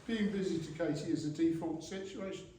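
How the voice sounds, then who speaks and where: A man's voice: on the high side, a little fast, mellow. A middle-aged man gives an informal, humorous father of the bride speech with dry, teasing delivery. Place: large reverberant room at a wedding reception. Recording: very echoey hall, distant mic, noisy room. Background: guests laughing, background noise.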